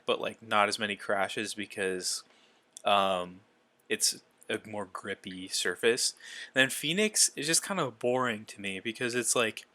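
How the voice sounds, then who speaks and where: Bright-voiced young man rambling casually. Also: on the low side. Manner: rambling, loose, full of fillers. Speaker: podcast host. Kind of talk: casual chat about racing.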